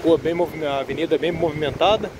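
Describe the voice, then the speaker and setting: A man's voice: on the high side, quick pace. Chatty man vlogging on a windy beach. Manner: relaxed, chatty, addresses viewers often. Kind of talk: casual walking vlog commentary. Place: outdoors on a windy seaside boardwalk. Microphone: handheld phone camera. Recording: loud wind and surf noise. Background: waves and passing traffic.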